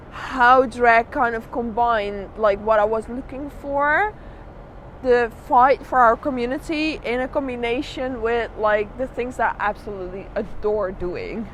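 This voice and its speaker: High-voiced woman in an outdoor interview, street noise. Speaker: drag artist being interviewed. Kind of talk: candid interview, reflective personal storytelling. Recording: noisy outdoor urban spot with traffic.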